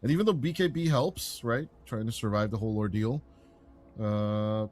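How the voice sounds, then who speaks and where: A man giving relaxed, chatty color commentary and analysis on an esports match. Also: fairly low pitch, normal speed, faint music behind.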